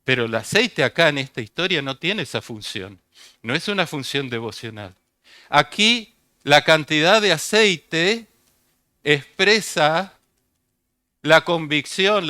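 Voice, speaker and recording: A man's voice: fairly high pitch, sharp tone, clear, resonant tone, no room sound, clean studio sound. An older man preaching a sermon as pastor, speaking, often asking the congregation questions and repeating key phrases.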